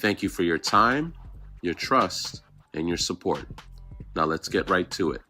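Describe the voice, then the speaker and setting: Laid-back deep-voiced New man. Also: unhurried, reverberant, over music, poor audio. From New York. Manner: relaxed, rambling, many fillers, keeps saying "guys". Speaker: livestream host. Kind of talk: casual livestream chat.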